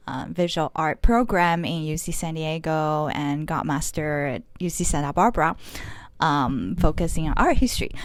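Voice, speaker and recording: A middle-aged woman from Los Angeles, a guest artist in an interview, speaking softly and hesitantly with many pauses. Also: sits low, no room sound. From Los Angeles, USA. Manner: hesitant, many ums, soft-spoken. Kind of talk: casual interview.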